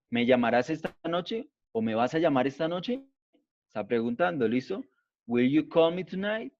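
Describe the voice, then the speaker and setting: A male teacher giving an online grammar class, explaining slowly and patiently and checking in after each point. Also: mid-range voice. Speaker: English teacher. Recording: dull lo-fi online class audio.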